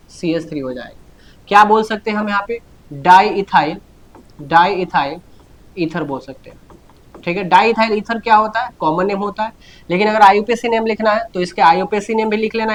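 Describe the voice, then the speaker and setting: A man with a high-pitched, fairly bright voice delivers a chemistry lecture to a class. He repeats key words, asks questions only to answer them himself, and keeps telling students to listen carefully and write things down.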